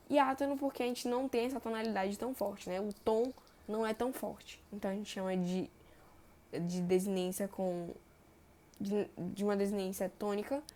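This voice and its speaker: A young woman, teaching verb tenses in a chatty way and stretching example words slowly. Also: mid-range voice, a little mellow. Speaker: Portuguese grammar teacher. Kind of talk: explaining verb tenses on a board.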